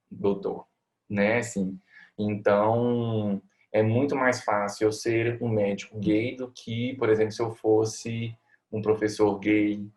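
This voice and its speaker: A man's voice: lowish voice, a little mellow. A Brazilian man, a family doctor, answering interview questions in a reflective, conversational way, often ending thoughts with tag questions. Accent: Brazilian Portuguese.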